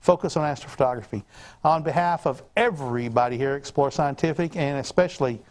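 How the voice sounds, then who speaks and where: A man's voice: medium pitch, fast talker, darkish tone. A man hosting a casual sales livestream, upbeat and rambling with frequent fillers. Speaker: livestream host.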